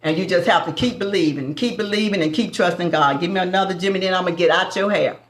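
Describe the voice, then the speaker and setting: A woman's voice: fairly low pitch, fast talker, reverberant. Southern woman chatting on a cooking stream. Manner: warm folksy banter with viewers, calls them baby and family. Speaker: cooking show host. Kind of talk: live-stream cooking chat.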